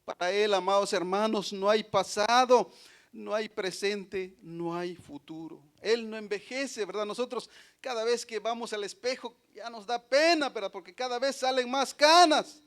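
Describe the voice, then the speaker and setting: Man, pastor, high voice, Pentecostal sermon, loud swells and soft drops. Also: moderate pace, smooth. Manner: preaching with sudden loud swells and soft drops, tag questions and amens. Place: church.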